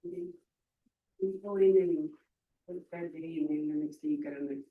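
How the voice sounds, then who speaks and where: A middle-aged woman gives short, halting answers as a witness in a courtroom recording. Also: deep voice, steady tone, narrow, tinny audio. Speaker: witness, mother of the defendant. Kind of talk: courtroom testimony. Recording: echoey courtroom from far off.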